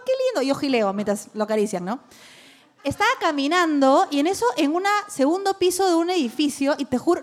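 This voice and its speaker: A woman with a Peruvian accent tells a story on a podcast recorded live in front of a small audience. Her voice sits high. She talks in a casual, slangy way and acts out the lines of the people in her story. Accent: Peruvian Spanish. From Peru. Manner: animated, slangy, acts out quotes. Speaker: podcast co-host.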